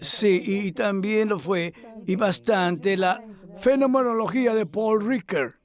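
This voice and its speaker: Answering an interviewer in a reflective way, an older man speaks slowly and thoughtfully in a strikingly high voice. Frequent pauses and hesitant fillers come as he tries to remember details.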